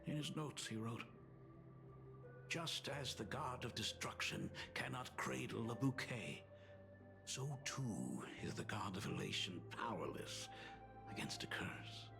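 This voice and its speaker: An actor playing a solemn, aging father in a video game, with an old man's gravelly voice and a grave, wistful delivery. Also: mid-range voice, animated, measured pace, music in the background. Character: solemn aging father, fatherly artist burdened by family curse. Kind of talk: dramatic video game voice acting.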